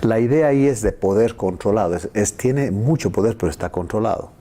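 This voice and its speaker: A man preaching a discipleship lesson as a pastor, animated and jumping into high voices to act out the people he quotes. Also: a little fast, slight background noise.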